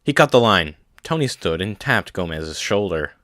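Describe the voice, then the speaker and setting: A man narrating a science-fiction audiobook in a steady, measured way. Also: low-pitched, dry recording, studio quality.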